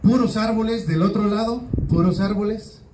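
Crude Mexican stand-up comic, echoey room. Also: male voice, high-pitched, normal speed, recorded from a distance. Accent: Mexican Spanish. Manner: crude, slangy storytelling, frequent "güey". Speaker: stand-up comedian. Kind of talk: stand-up routine. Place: small open-mic venue. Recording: roomy, from off-mic with faint room noise.

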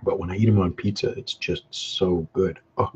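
At a normal speed and steady tone, a Canadian hot sauce vlogger chats casually on a live webcam stream. He eats spicy pizza, humming and chewing between short remarks, and sweats from the peppers. Audio comes through a webcam mic, dull and low-fi with faint noise.

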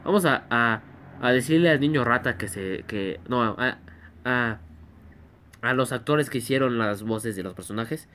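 A man with a Mexican accent doing a goofy vlog in his bedroom, excitable and silly, often bursting into loud yelps as he talks into a phone. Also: mid-range voice, measured pace, slight background noise. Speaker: YouTuber.

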